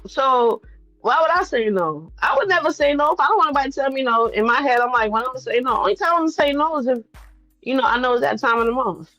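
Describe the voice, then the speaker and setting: A woman's voice: high-pitched, animated, quick pace, sharp tone, dry recording, highs cut off, faint music behind. A woman chatting candidly and bluntly on a livestream, swearing freely and repeating phrases for emphasis. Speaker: livestream host. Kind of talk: casual, candid livestream chat to viewers.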